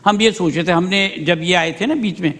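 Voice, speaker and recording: A man sits on a TV judging panel and speaks bluntly to young contestants. He picks apart their pronunciation in a somewhat high voice. A long reverb hangs in the studio around him. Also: fairly bright tone. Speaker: debate judge. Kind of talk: TV competition judging.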